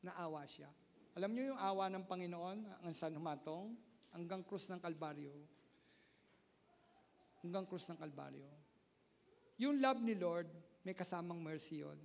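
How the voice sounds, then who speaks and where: Impassioned preaching pastor, gravelly high voice. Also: male voice, in a large hall. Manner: impassioned preaching, swinging from loud high outbursts to low quiet lines; mixes Filipino with English words. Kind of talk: sermon.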